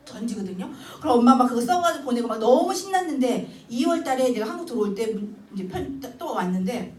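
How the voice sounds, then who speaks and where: A middle-aged woman teaching a church class for mothers, telling stories with lively acted-out dialogue and frequent laughter. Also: on the high side, fast. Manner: animated storytelling, acting out child and mother dialogue, frequent laughter. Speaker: Bible memorization instructor. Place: church hall. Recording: echoey hall, distant mic, noisy.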